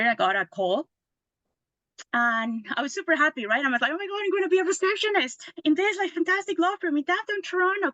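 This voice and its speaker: A woman's voice: mid-range voice, fairly bright tone, no echo. A woman, a lawyer telling her story in a casual interview, chatty with many restarts and tag questions. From Mexico. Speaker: guest lawyer.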